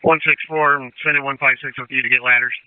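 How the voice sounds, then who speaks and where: Over the crackly narrowband channel of a two-way radio, an American man acting as fire incident commander barks short, procedural fireground orders. He talks fast in a steady, mid-range voice, the tone clean and free of echo.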